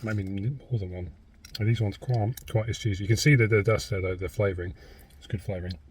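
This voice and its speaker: A British man with a slightly husky voice gives a casual, rambling food review to camera, hesitating as he goes, recorded inside a car. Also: on the low side, fairly even intonation, fast talker, a little hiss or hum.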